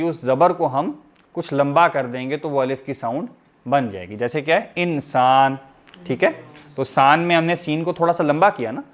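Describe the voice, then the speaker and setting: A man teaching a pronunciation lesson, explaining patiently, checking in with his listeners and drawing out letter sounds to demonstrate them. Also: on the high side. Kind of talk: recorded Arabic pronunciation lesson.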